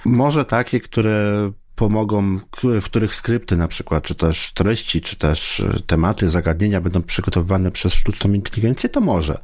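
A man with a very deep voice hosts a relaxed podcast chat. He works his way through ideas with small hesitations and restarts. The sound is dry and close, with no room around it. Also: moderate pace, few pauses, no echo. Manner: thoughtful, with hesitant fillers and restarts. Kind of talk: casual podcast conversation.

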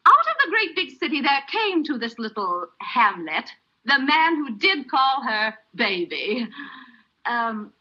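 Bright, theatrical coy lady author, 1930s film. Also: a little high, very animated, measured pace, full character voice. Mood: coy, playful. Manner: theatrical, coy, grandly declaiming. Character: flamboyant, coy lady author playing to reporters. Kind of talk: 1930s screwball film acting. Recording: dull vintage 1930s film soundtrack.

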